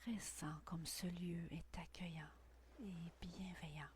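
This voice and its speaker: Whispering woman, very slow, close in your ear. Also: on the low side, fairly even intonation, slight background noise. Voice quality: breathy, whispered. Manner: slow, soothing, unhurried phrasing with long pauses. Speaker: guided meditation narrator. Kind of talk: guided meditation, scripted narration.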